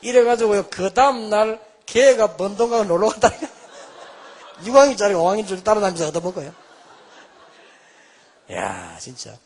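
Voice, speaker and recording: A man's voice: high-pitched, very animated, moderate pace, pauses often. A man in his fifties preaching a sermon, telling folksy childhood stories with self-mocking humor. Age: 50s. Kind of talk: storytelling sermon.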